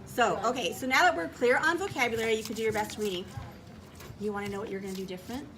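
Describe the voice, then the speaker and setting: A primary school teacher, a woman, gives young children directions in a classroom, repeating them and asking lots of questions. Her voice is on the high side and quick, and the noisy classroom recording is full of crowd and classroom sounds.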